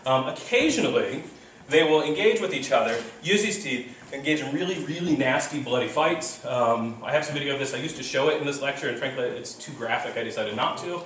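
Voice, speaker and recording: A man giving a classroom lecture in a large room, animated, mimicking animal calls and often checking in with "right?". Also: mid-range voice, fairly quick. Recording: echoey hall, mic far off, faint noise.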